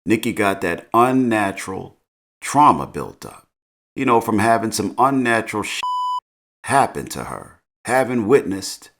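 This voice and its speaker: A middle-aged man with a fairly low voice recaps a TV show. He talks in a relaxed, slangy way and keeps chuckling through the story. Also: measured pace, noisy background. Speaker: TV recap host.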